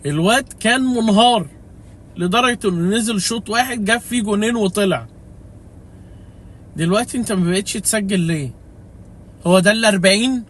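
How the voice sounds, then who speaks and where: A man's voice: very high-pitched, fairly bright tone. A young Egyptian man with an Egyptian accent, ranting comically about his fantasy football team in an exasperated, mock-pleading way. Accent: Egyptian Arabic. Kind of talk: comedic fantasy football rant.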